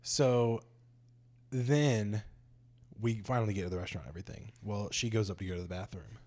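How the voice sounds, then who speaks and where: A man's voice: lowish voice, fairly quick, a little mellow. A young man chatting casually with a friend, telling laid-back stories and laughing often. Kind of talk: casual chat.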